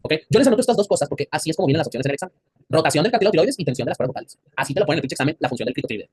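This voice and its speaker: A man's voice: fairly high pitch, animated, very fast, darkish tone, husky. A man with a Mexican accent teaching an anatomy class, quizzing his students and joking in crude slang. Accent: Mexican Spanish. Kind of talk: classroom lecture.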